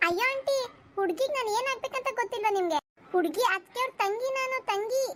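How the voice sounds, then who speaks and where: A woman's voice: very high-pitched, fast, a bit bright, slight background noise. A woman voicing a cheeky little girl who talks back to a grown-up in a cartoon. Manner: pert, talking back. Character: cheeky little girl, bride's younger sister. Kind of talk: cartoon voice acting.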